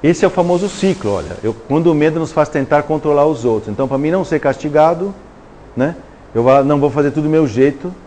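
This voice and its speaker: Speaking quickly in a warm, somewhat high voice, a middle-aged man gives a live spiritist lecture in Brazilian-accented Portuguese, performing little dialogues and often tacking "né?" onto his remarks to the audience. It's a conversational talk in a lecture hall, with a little hiss or hum on the recording.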